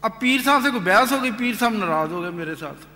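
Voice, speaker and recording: A man giving an earnest personal testimony, retelling events with animated quoted dialogue. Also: high voice. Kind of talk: storytelling testimony. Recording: echoey hall reverb.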